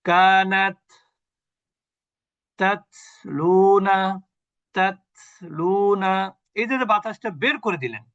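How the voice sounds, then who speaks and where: A man with a high, bright voice teaches Quran recitation in an online class. He goes step by step and puts questions to his students before answering them himself. The audio is dull and lo-fi, like a video call.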